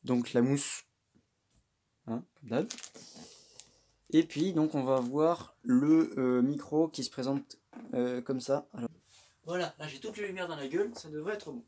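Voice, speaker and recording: A man's voice: fairly high pitch, unhurried, long pauses. A man chatting casually and joking at his own expense as he unboxes a microphone, recorded on a phone indoors. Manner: relaxed, chatty, self-mocking. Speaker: tech unboxing vlogger.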